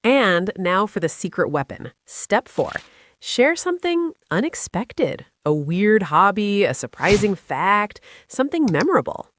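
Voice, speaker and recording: A woman's voice: medium pitch, very animated, unhurried, a little hiss or hum. Playful American woman teaching English. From United States. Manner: playful, teasing, upbeat. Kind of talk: scripted conversation lesson.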